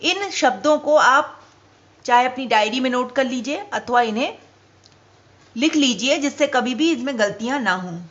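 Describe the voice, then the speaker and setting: A woman teacher giving a spelling lesson to children, speaking slowly and deliberately and stressing each example word. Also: sits high, lively intonation, a bit bright, lo-fi sound.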